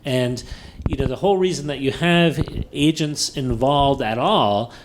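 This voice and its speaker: A man's voice: mid-range voice, measured pace, a little hiss or hum. A man hosting a tech podcast in casual chat, thinking aloud with many fillers and restarts, laughing easily. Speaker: podcast host.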